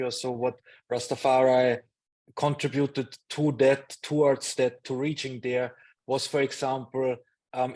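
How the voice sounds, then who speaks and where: A man interviewing, putting his questions in hesitant, halting phrases. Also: medium pitch, darkish tone.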